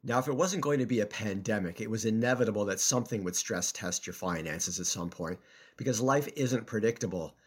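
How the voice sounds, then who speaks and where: Lower-voiced man hosting a podcast under a blanket. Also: a little fast, slightly rough. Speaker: podcast co-host, personal finance columnist. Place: home office, under a blanket. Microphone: cell phone.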